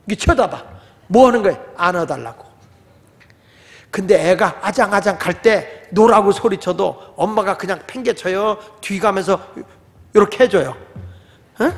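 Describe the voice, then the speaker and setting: High-voiced pastor preaching in an echoing hall. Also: male voice, expressive, normal speed, long pauses. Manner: emphatic, casual preaching, leads congregation in reading. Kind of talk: sermon. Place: church sanctuary. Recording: long reverb of a large hall.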